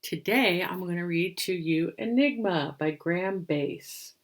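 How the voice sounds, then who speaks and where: A woman reads a rhyming picture book aloud as storyteller and host. Her delivery is expressive and theatrical, at a fairly low pitch and a measured pace.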